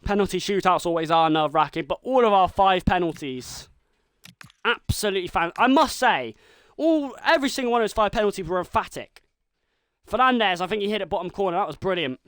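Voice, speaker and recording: A man streaming a football video game live, calling the action like a commentator and shouting at the big moments. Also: high voice, animated, brisk, smooth, dry recording. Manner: mimics a football commentator and a team manager.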